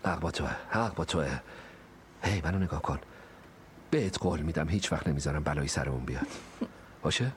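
A man's voice: extremely low pitch, slight background noise. A middle-aged man playing a well-meaning stepfather in a dubbed film. He makes big threats and then backs down sheepishly. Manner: boastful threats that quickly turn sheepish. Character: well-meaning, blustering stepdad, adult man.

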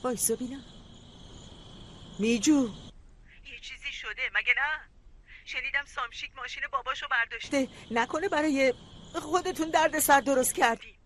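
A woman's voice: high voice, long pauses, fairly bright tone. An actress dubbing a suspicious, anxious middle-aged mother who scolds and presses with questions. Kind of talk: dubbed drama acting.

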